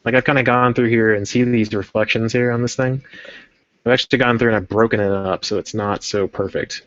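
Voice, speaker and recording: A man's voice: mid-range voice, fairly even intonation, brisk, fairly bright tone, no echo. A man hosting a casual livestream, chatting in a rambling way while he paints a model. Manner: rambling, chatty, self-interrupting. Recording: dull lo-fi stream audio.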